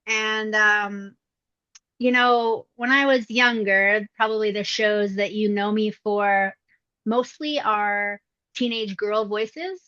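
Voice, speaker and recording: Speaking with a clear, resonant tone at medium pitch, a middle-aged voice actress who still sounds young takes interview questions indoors at her mother's home. She's relaxed and reflective, often pausing on fillers, and the close, dry recording sounds slightly dull and lo-fi.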